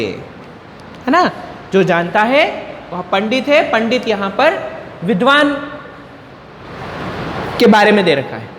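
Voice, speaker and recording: Brief: high-pitched male teacher, unhurried, chants verses and repeats each point, echoey room. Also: a bit bright. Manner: chants Sanskrit verses slowly, repeats each explanation twice. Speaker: Sanskrit teacher. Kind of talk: slow explanatory lesson, reciting verses then explaining. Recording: echoey room with long reverb, faint noise.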